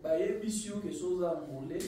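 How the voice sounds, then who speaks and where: A man's voice: high voice, crowd noise. Man speaking from afar in an echoing hall. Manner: halting, many fillers, code-switching. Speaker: ambassador. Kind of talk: addressing a community meeting. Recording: echoey hall, distant mic, noise.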